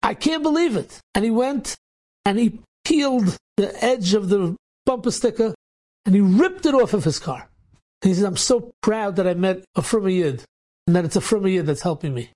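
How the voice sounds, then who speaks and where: Animated male storyteller, lively pitch. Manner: animated, acts out dialogue in quotes. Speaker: rabbi and storyteller. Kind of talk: inspirational storytelling.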